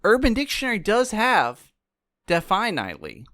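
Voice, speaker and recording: A man's voice: high voice, huge pitch swings, moderate pace, fairly bright tone, no echo, clean studio sound. A young man, the game master of a tabletop podcast, chatting and laughing with his players and reading things aloud with mock gravity. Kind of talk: casual podcast banter.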